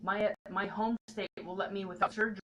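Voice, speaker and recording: A woman's voice: medium pitch, fairly even intonation, brisk, muffled recording. A woman talking candidly and earnestly to the camera in a personal vlog. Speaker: vlogger. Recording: noticeable background noise.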